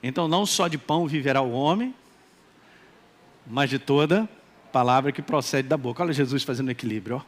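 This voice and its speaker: A male pastor with a Minas Gerais accent preaching a lively sermon and acting out quoted voices. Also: medium pitch, a little fast, long pauses. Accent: Minas Gerais Brazilian Portuguese. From Minas Gerais, Brazil. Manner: animated, acts out quoted voices, calls for responses.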